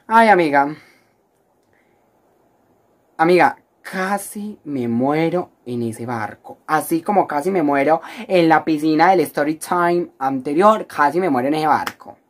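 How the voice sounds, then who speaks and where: Low-voiced, dramatic Colombian woman vlogger. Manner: dramatic, exaggerated, slangy, chatty to the viewer as a friend. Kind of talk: casual storytime vlog.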